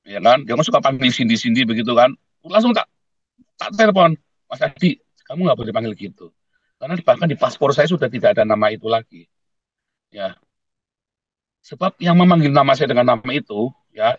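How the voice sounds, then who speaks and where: Blunt preacher, dull dry sound. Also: male voice, medium pitch, dry recording. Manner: blunt, emphatic preaching with sudden loud peaks and dropped asides; keeps calling listeners "saudara". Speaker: pastor. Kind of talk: sermon.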